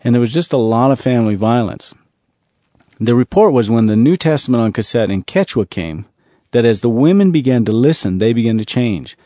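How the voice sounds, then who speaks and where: Warm-voiced man telling a mission story. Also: medium pitch, animated, no echo, studio quality. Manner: earnest, repetitive storytelling with slow emphasis. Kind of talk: storytelling testimony.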